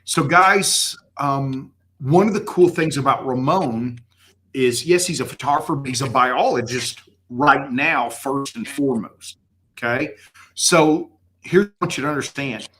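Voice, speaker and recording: A man's voice: medium pitch, unhurried, pushed and bright. A man with a slightly slurry West Texas twang, chatting casually and effusively as host of a livestream.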